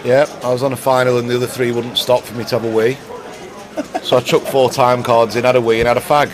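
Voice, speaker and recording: A man's voice: mid-range voice, level tone, fast. Male poker commentator amid crowd noise. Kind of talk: live commentary, casual banter. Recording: crowd noise, busy public tournament room. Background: crowd murmur.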